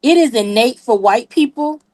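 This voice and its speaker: A woman's voice: fairly high pitch, animated, normal speed, warm tone. A woman talking on a live group chat, blunt and profane, repeating herself for emphasis. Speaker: panelist.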